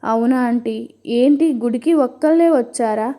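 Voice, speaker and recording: A woman's voice: fairly high pitch, unhurried, dark tone, lightly acted. A woman voicing a young male college student who turns robber, speaking in a harsh, threatening way. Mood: friendly.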